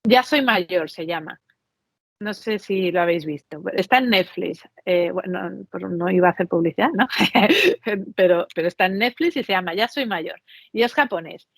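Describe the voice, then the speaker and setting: A woman from Mexico and Spain, a podcast guest, telling stories in an animated, chatty way and often checking in with tag questions. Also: on the low side, normal speed, no room sound. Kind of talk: conversational interview.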